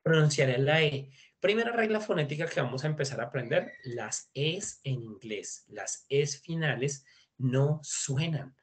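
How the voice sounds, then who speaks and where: A man's voice: on the high side, lively intonation, a little slow. A man teaching an online English class, chatty and mixing English phrases into his explanations. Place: video call.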